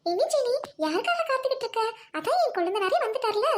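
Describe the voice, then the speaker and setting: A woman's voice: very high-pitched, very animated, fast talker, slight background noise. A woman voicing a teasing, talkative young sister-in-law with a playful manner, in an audio drama.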